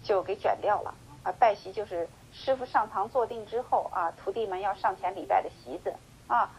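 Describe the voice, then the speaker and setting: A woman's voice: mid-range voice, slight background noise, low-quality recording. Woman giving a storytelling Buddhist lecture. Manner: animated storytelling, acting out dialogue, many sentence-final particles; slow measured chanting when reading scripture. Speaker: Buddhist teacher.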